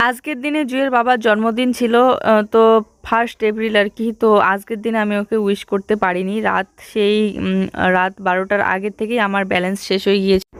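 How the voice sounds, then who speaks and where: A woman's voice: mid-range voice, fast talker, clean tone, no echo. Dry, close woman vlogger. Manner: relaxed, talking to viewers. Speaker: family vlogger and mother. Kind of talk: casual vlog narration.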